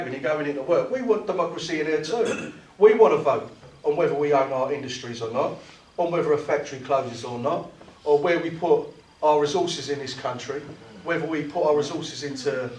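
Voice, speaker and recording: Pushing his point passionately, a South East London trade union activist delivers a political speech full of restarts and repeated words. His somewhat high, darkish-toned voice is recorded from afar in a spacious meeting room.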